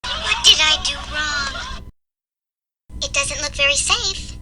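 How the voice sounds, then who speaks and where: A woman's voice: sits high, sing-song, takes it slowly, exaggerated voice. A woman voicing a spirited, bossy female cartoon woodpecker, speaking theatrically with chirpy, emphatic exclamations. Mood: puzzled. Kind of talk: animated cartoon voice acting.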